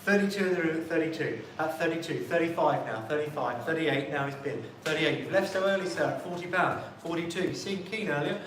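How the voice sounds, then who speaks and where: A man's voice: on the high side, moderate pace, hardly any pauses, fairly bright tone. A man working as an auctioneer in a live sale, politely calling lots and repeating bids in a rhythmic chant. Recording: very echoey room, distant mic, faint noise.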